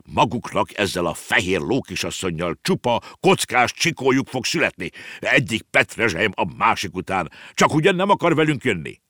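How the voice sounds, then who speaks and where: A gruff, quick-tempered uncle, put on by a male narrator, barking and grumbling in a storybook reading. His voice leaps up and down with lively intonation. The recording is dry and close. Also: on the low side, no echo, voice pushed up, exaggerated voice. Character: gruff blustering middle-aged uncle, quick to roar.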